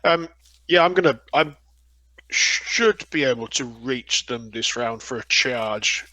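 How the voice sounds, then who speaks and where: A man's voice: medium pitch, lively intonation, slow pace, sharp tone, dry recording, low-quality recording. A man playing in a tabletop game, checking rules and adding up his rolls aloud. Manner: works through rules and dice sums aloud. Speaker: player. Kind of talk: casual tabletop play.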